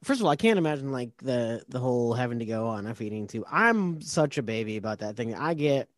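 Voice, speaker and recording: A man with a mid-range voice who laughs easily and pokes fun at himself in a relaxed podcast chat. The sound is close and dry, with no room echo. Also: medium pitch, a little fast. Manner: giggly, self-deprecating. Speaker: podcast co-host.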